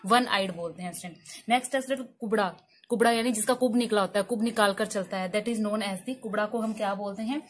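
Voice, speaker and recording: A woman's voice: mid-range voice, fast talker. A woman teaching English vocabulary in Hindi, asking each word as a question and answering it herself.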